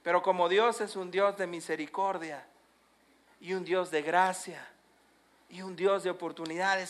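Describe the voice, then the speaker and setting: A preacher retelling a Bible story, swinging between loud emphatic bursts and hushed endings. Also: medium pitch. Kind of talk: storytelling sermon.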